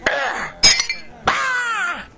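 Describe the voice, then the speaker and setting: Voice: very high voice, sing-song, extremely slow, creaky, sharp tone, heavily acted. A performer voicing a bumbling, secretive tavern drinker in a storybook tale, full of fillers. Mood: straining. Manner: hesitant, many fillers.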